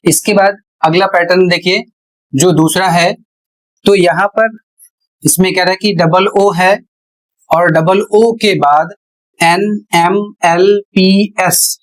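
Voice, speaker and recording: A male teacher explaining pronunciation rules at a board in a deliberate way, repeating each step. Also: high-pitched, steady tone, poor audio. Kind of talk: slow classroom explanation at a board.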